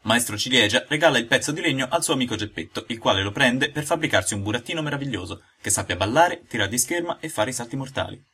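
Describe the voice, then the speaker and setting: Man, audiobook reader, scripted narration, animated pitch, bright tone, slightly husky. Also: fast talker, hardly any pauses. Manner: lively storytelling delivery.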